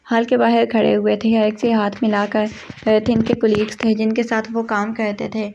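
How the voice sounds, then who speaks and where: A woman telling a first-person story in a steady, even reading voice. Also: on the high side, creaky, a little hiss or hum. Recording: dull lo-fi recording.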